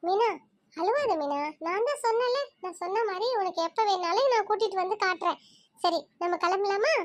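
A woman voicing a high-pitched, reassuring young groom. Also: expressive, brisk. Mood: gentle. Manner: reassuring, chuckling. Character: cheerful young groom, man.

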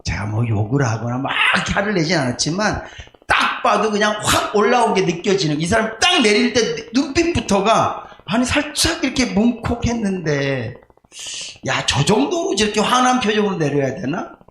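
A male pastor delivers a sermon as an animated personal story, with a lively, wide-swinging and slightly high voice. He confesses his own failings and pokes fun at himself. The recording rings with room echo in a church sanctuary, with a faint hiss of background noise. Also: moderate pace.

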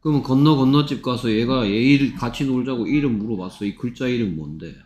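A man's voice: mid-range voice, brisk, darkish tone. Impatient man drilling phonics in an echoey room. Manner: drills sounds, impatient and repetitive. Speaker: English phonics tutor. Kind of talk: one-on-one phonics lesson.

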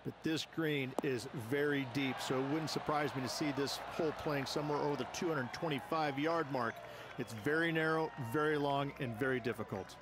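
A man giving relaxed, knowing golf color commentary, breaking down each hole. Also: on the high side, moderate pace, noisy background. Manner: relaxed, knowing analysis of holes. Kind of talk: analytical sports commentary.

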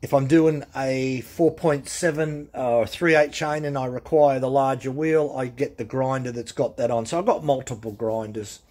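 A husky-voiced man talks from behind the camera in his workshop. He explains step by step in a plain-spoken, practical way and hammers home his key points by repeating them. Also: medium pitch, steady tone, moderate pace, hardly any pauses, darkish tone. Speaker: chainsaw sharpening instructor. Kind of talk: casual how-to demonstration. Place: workshop with grinders and tool wall.

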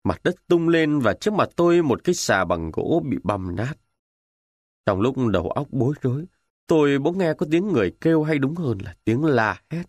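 A man narrating a war novel in the first person with dramatic, expressive delivery. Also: medium pitch, normal speed, no echo, clean studio sound. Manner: expressive, emotional storytelling. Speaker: audiobook narrator.

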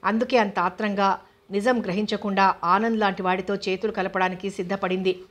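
A woman narrating a serialized novel in a steady, even storytelling manner. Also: medium pitch, brisk.

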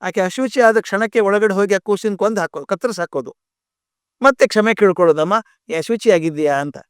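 A man's voice: high voice, fast talker, clean tone, no room sound, clean studio sound. Older man telling an epic story. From India. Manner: animated, acts out quoted lines. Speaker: storyteller and speaker on epics. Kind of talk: spoken storytelling lecture.

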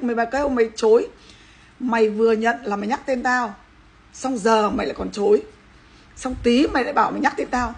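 A woman's voice: a little high, a little hiss or hum. Combative woman ranting with profanity. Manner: combative, profane, repeatedly addressing a rival directly. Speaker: vlogger. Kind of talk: angry rant to camera.

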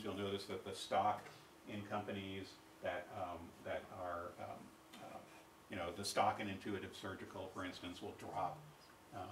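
A middle-aged man giving a university ethics lecture, halting with many fillers and restarts and asking the audience rhetorical questions. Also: fairly low pitch, fairly bright tone, slight background noise. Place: lecture hall. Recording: echoey hall recorded from far off.

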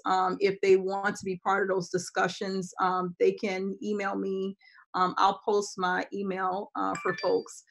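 Measured woman on a video call. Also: mid-range voice, a bit bright, rough recording. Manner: measured, frequent ums and uhs. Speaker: school district administrator. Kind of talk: answering questions in a virtual town hall. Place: home office with bookshelves.

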